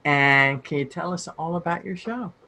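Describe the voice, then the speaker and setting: Upbeat guy host, bright sharp voice, hyping up his guest. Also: a little high, lively intonation, moderate pace, vocal fry. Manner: enthusiastic, encouraging interviewer. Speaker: podcast host. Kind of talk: casual interview.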